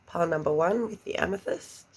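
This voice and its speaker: Talking fairly quickly in a husky, low-ish voice, a woman does a pick-a-card tarot reading. She is chatty, slightly congested following an illness, and murmurs her questions to spirit under her breath.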